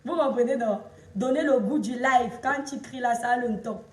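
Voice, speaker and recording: A Cameroonian woman with a Cameroonian French accent, hoarse from shouting, chatting on a live stream, greeting viewers and lecturing them. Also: on the high side, moderate pace, echoey room, recorded from a distance. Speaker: livestream influencer and seller. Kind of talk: casual Facebook live chat.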